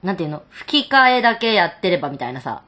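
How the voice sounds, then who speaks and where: A woman's voice: lowish voice, sing-song, heavy background noise. A woman co-hosting a casual radio chat, talking in a meandering, filler-heavy way. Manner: chatty, fills pauses with nanka and nante iu no. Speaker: radio show co-host.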